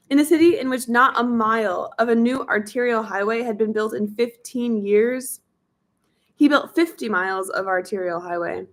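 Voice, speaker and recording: A woman reading a nonfiction book aloud at a steady pace, sometimes stumbling and repeating words and sometimes stopping for casual asides. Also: fairly high pitch. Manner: reads steadily, now and then slipping and repeating words. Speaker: reader of a book.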